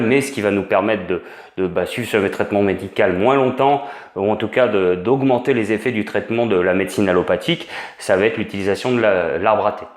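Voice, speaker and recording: Hesitant low-voiced man teaching. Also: reverberant. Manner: hesitant, many fillers and restarts. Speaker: essential oils instructor. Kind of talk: informal spoken lesson.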